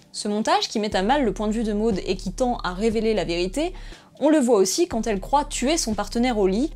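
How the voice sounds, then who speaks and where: A woman narrating a scripted film analysis essay in a measured, analytical way. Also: fairly high pitch, a little mellow.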